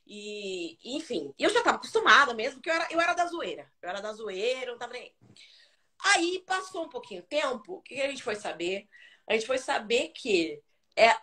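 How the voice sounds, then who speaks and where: Animated high-voiced Brazilian woman storyteller. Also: fairly quick. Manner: animated, dramatic retelling with laughter. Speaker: guest singer. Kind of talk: live stream storytelling.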